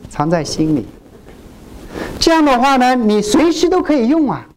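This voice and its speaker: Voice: sits high, moderate pace. A pastor from China preaching a sermon, asking the congregation questions and acting out what churchgoers say. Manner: animated, asks the congregation questions and acts out quoted churchgoers.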